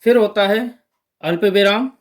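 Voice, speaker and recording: High-voiced man teaching grammar. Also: normal speed. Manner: explains step by step, stressing key terms. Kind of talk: exam-prep grammar lesson.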